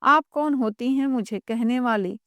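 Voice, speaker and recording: A woman's voice: a little high, a little slow, fairly bright tone, no echo. A woman voicing a lazy, scheming young sister-in-law who talks in a mocking, shameless way. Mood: taunting.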